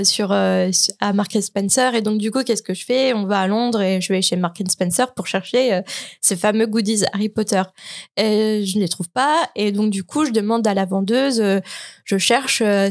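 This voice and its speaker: A French woman co-hosting a casual podcast, telling stories with many hesitations and fillers. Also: medium pitch. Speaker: podcast co-host. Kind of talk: casual chat, telling an anecdote.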